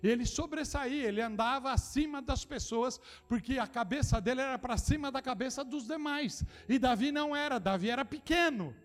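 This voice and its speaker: Preaching briskly with few pauses, a middle-aged São Paulo pastor swings between hushed, personal remarks and loud declarations. His male voice carries a Brazilian Portuguese accent from São Paulo, and he repeats phrases directly at the congregation.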